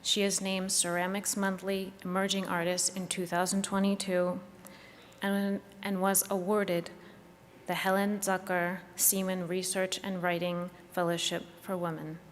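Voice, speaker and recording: A woman's voice: little pitch movement, measured pace. A woman giving a formal introduction of a speaker at a conference, reading a bio with some fillers and a light joke, on a lectern mic in a large convention hall. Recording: long hall reverb, faint rumble.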